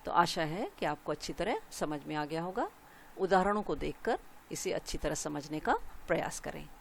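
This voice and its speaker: A woman's voice: low-pitched, lively intonation, gravelly, slight background noise. A woman teacher giving a grammar lesson, going through examples one at a time and stopping to point out each one. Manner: explains slowly, pausing to point out each example.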